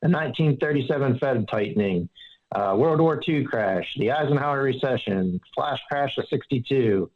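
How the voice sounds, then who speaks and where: A man's voice: medium pitch, lively intonation, moderate pace. Earnest male financial advisor, dull audio. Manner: earnest and explanatory, fond of analogies, many restarts. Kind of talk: casual interview.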